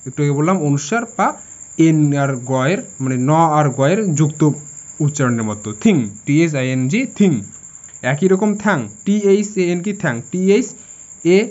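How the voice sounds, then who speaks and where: A man's voice: fairly high pitch, expressive, normal speed, a little mellow, muffled recording. A man with a Bengali accent teaching English pronunciation, spelling out words letter by letter and checking in with "okay?". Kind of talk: explaining lesson to students.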